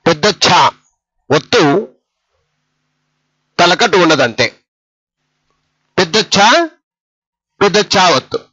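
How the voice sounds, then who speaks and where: A man teaches letters one by one in a slow, patient way, repeating each letter twice. His voice is bright and a little husky, and it rises and falls a lot. The sound is dry and dull, like a lo-fi recording. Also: high-pitched, lively intonation, dry recording. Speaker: Telugu script teacher. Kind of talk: slow step-by-step lesson.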